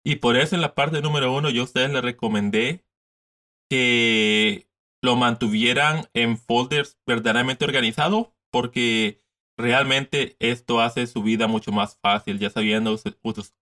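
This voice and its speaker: A man's voice: medium pitch, fairly even intonation, unhurried, sharp tone. A man in his thirties giving a casual step-by-step screen tutorial from his desk, repeating steps and mixing in English words. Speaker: tutorial host.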